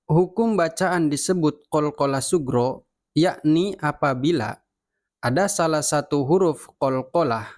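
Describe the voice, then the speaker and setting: Slow, patient man teaching recitation. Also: mid-range voice. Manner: patient, repeats each example slowly, corrects himself. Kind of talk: slow step-by-step tajwid lesson.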